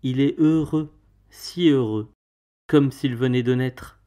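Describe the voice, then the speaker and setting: A man reads a children's picture book aloud. His voice sits at a middle pitch. He tells the story expressively, with varied delivery. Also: takes it slowly, dark tone.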